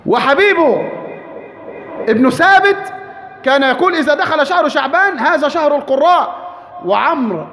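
High-pitched, quick Egyptian preacher. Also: male voice, animated, sharp tone, long reverb tail. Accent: Egyptian Arabic. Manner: emphatic, repeats points, asks the audience rhetorical questions. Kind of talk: sermon.

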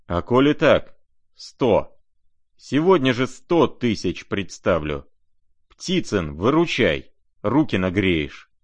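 Guy doing a drunk loudmouth young merchant, bellowing and bragging, audiobook. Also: lowish voice, very animated, slow pace, exaggerated voice. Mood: exultant. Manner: bellowing, boastful. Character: drunk, reckless young male merchant bidding wildly.

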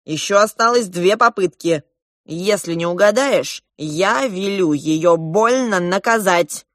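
A woman voicing a bossy, impatient young prince who speaks loudly and commandingly. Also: mid-range voice, lively intonation, takes it slowly, no echo, clean studio sound. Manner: commanding, loud.

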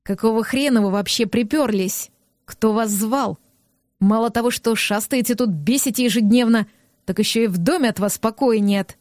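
A woman's voice: fairly high pitch, normal speed, darkish tone, dry recording, clean studio sound, lightly acted. A woman reading the part of a rude, irritable young man who snaps and sneers in an audiobook. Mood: gruff. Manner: curt, snapping, scornful.

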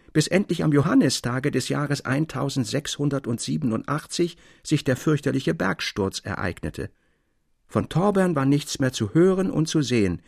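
A man's voice: medium pitch, creaky, darkish tone, husky, no echo, clean studio sound. A man reading a classic literary tale aloud with a dramatic, varied delivery. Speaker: reader.

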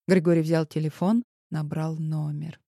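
A woman narrating an audiobook in a measured, dramatic storytelling manner. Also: low voice, steady tone, warm tone, a little hiss or hum. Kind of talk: scripted narration.

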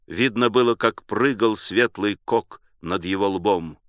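A man narrating a novel with expressive, dramatic delivery. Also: on the low side, unhurried, dry recording, clean studio sound. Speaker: audiobook reader. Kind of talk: literary narration.

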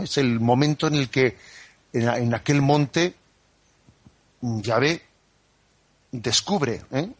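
A husky-voiced man from Spain, a priest teaching the catechism over the radio. He explains things at an unhurried, chatty pace and peppers his sentences with little tags that check in with listeners. His voice sounds close and dry, with no room around it. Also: mid-range voice, a bit bright, no echo. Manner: unhurried and conversational, full of "¿eh?" and "¿no?" tags. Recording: dry studio radio broadcast.

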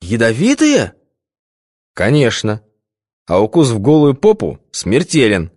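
A bluff company director from an audiobook jokes in a raised, lively voice, done by a male reader. The pitch moves freely and the sound is dry and close. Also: a little slow, dry recording. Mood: teasing. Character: grown man, a company director, bluff and joking.

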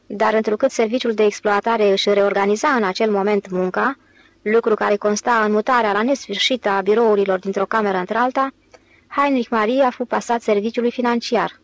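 A woman narrating an audiobook in a steady, even reading voice. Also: medium pitch, poor audio. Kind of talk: scripted narration.

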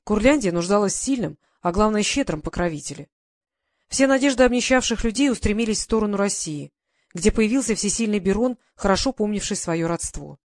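A woman narrating a historical audiobook in measured first-person storytelling. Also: medium pitch, lively intonation, darkish tone, no echo.

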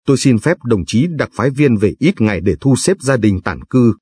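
A man's voice: mid-range voice, lively intonation, normal speed, mellow, husky, dry recording. A man voicing a middle-aged provincial chairman who talks in an effusive, voluble way.

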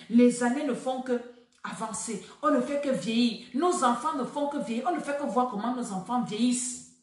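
A woman teaching deliverance in a preaching video, exhorting and repeating herself as she speaks straight to the listener. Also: a little high. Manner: exhorting, repetitive, addresses listener directly. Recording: very echoey room, voice far from mic.

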